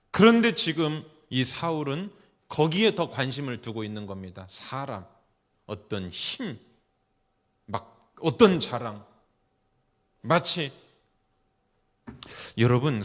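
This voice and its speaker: Middle-aged man, pastor, church sermon, emphatic, rhetorical questions, loud bursts then quiet asides, mid-pitched voice. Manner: swings between loud exclamations and quiet asides. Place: church sanctuary.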